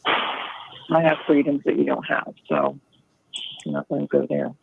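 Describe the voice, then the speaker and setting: A woman talking gently and soothingly to an inmate over a prison phone line. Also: sits low, big pitch swings, measured pace, gravelly. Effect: heard over a prison phone line. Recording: tinny phone line with faint hiss.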